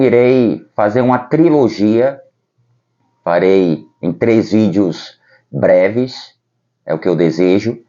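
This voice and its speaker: Calm, low-voiced Brazilian priest. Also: male voice. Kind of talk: personal vocation testimony to camera. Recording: dull lo-fi recording.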